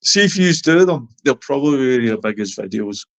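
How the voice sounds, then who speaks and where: A man's voice: mid-range voice, lively intonation, brisk. Chatty man in his fifties. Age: 50s. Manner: chatty, repeats himself, laughs easily. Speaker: guest on a beer review call. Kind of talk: casual chat on a video call. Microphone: video call.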